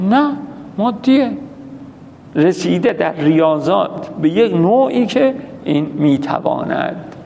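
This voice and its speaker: A man's voice: a little high, creaky, a little mellow, muffled recording. A man giving an anecdotal religious lecture, telling stories with quoted dialogue and posing questions that he answers himself. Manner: storytelling that acts out quoted dialogue, asks and answers his own questions. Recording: reverberant hall, faint background noise.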